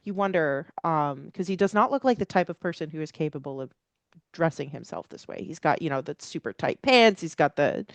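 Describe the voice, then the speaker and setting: Smooth low-voiced woman game master. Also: very animated, brisk, no room sound. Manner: hesitant, piecing descriptions together as she goes. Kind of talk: improvised tabletop game narration.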